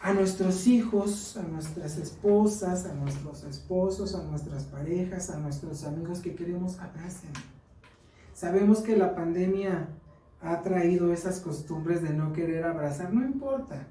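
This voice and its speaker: Mexican lady teaching church class, dark mellow voice, echoey room, mic far away. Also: fairly low pitch, a little slow, slight background noise. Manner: earnest, tells personal stories. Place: church hall.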